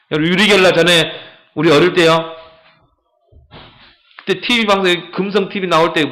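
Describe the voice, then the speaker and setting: Pastor, male, lively sermon delivery, pitch a bit high, lots of rhetorical questions. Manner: animated preaching with rhetorical questions to the congregation. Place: church.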